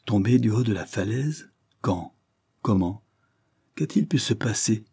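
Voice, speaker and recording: A man voicing a distraught, nervous young gentleman in a Victorian audiobook, speaking anxiously with excited outbursts. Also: on the low side, unhurried, creaky, breathy edge, no echo, clean studio sound, exaggerated voice. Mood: agitated.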